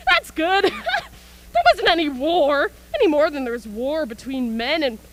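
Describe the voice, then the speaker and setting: In a school auxiliary gym, a woman plays an embittered, manic militia soldier in a stage radio play, ranting colloquially about surviving an invasion. Her high voice swings widely in pitch, slow, bright and forceful, with an exaggerated delivery. She sounds scornful and resigned, breaking into scornful laughs.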